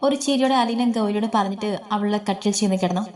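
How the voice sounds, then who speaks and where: A woman reading a long story aloud as its narrator. Her delivery is gentle and even, carrying the scenes at a steady storytelling pace. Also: medium pitch, quick pace.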